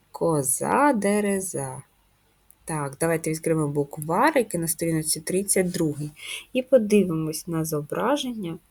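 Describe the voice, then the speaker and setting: A woman teacher leads a first-grade reading lesson at a slow, patient pace. Her voice is slightly low and breathy. She coaxes answers with questions and breaks words into sounds and syllables. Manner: coaxing questions to children.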